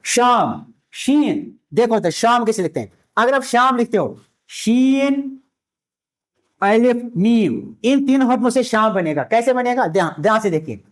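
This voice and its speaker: Man, Urdu teacher, high voice, classroom lecture, patient, repeats letters slowly. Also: very animated. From India.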